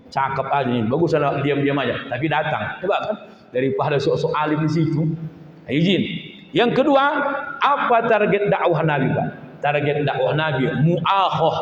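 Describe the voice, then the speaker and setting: A man giving a humorous sermon, animated, acting out dialogues in playful voices. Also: on the high side, moderate pace, a little hiss or hum. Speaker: preacher. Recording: echoey hall, slightly muffled.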